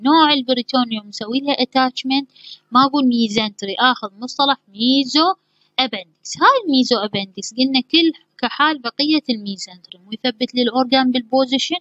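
A woman's voice: a little high, a bit bright, no room sound. A woman with an Iraqi Arabic accent lecturing anatomy. She keeps asking questions, answers them herself and repeats the key terms. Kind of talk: university lecture. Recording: dry, dull lo-fi lecture recording.

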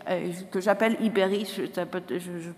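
An Irish woman in her sixties gives a conference presentation in French with a foreign Irish accent. Her voice is on the low side and she halts to correct herself. A large hall adds long reverb. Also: fairly even intonation, darkish tone. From Ireland. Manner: halting, self-correcting. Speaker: botanist giving a conference talk. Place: large lecture hall, indoors. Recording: echoey auditorium with long reverb.

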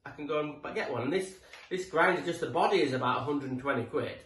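This British tradesman in his forties talks quickly in a slightly high, fairly bright voice, rambling casually to camera with tool tips. He's chatty, matey and mildly sweary. In the echoey living room, the camera sits a few feet away, so the mic sounds distant and background noise is audible.

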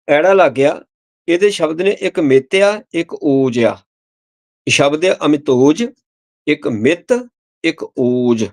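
A man, a Sikh preacher, explaining scripture line by line. He chants verses slowly, then explains them plainly, repeating key words and addressing listeners with "ji". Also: fairly high pitch, vocal fry.

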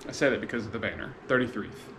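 A man's voice: fairly low pitch, fast talker, background noise. A man in his thirties, an easygoing vlogger talking to a handheld camera at home and out at a restaurant. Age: 30s. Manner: easygoing, chatty, talks straight to camera. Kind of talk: casual vlog narration. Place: apartment living room and kitchen, then restaurant and brewery. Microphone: handheld camera at arm's length.

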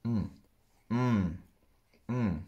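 A young man with a fairly low voice rambles casually through a food review in his living room. He chats close to the camera and often talks with food in his mouth. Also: drawn-out words, lo-fi sound. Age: young adult. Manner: chatty, rambling, mouth often full while chewing. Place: living room at home, indoors. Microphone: camera close in front.

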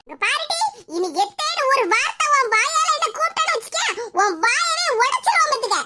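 A woman doing a shrill scolding mother-in-law. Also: lively intonation, a little fast. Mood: angry scolding. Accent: Tirunelveli Tamil. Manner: scolding, threatening, mocking. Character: scolding middle-aged mother-in-law, sharp-tongued. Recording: loud background noise.

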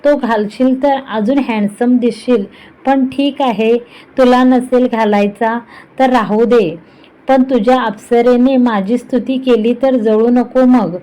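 A woman's voice: fairly high pitch, fairly even intonation, takes it slowly, dark tone, low-quality recording. A woman voicing a cheeky, talkative young man teasing his older brother in a storybook reading. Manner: chatty, cheeky, playful.

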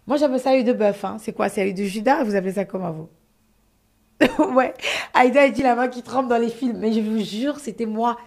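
A woman's voice: fairly high pitch, brisk, a little mellow. A woman telling a story on a live stream in a casual, dramatic way, swearing freely and speaking straight to her audience.

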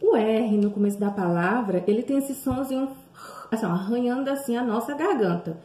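A Brazilian woman teaching young children, drawing words out slowly and sing-song, with many questions to the class. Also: a little high, lively intonation, warm tone. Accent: Brazilian Portuguese. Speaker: primary school teacher. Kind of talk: remote lesson for young children. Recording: echoey room.

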